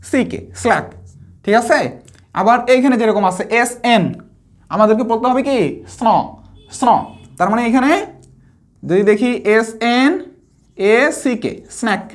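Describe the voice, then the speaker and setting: A woman teacher, giving a pronunciation lesson. She spells words out letter by letter and asks and answers her own questions. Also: a little high.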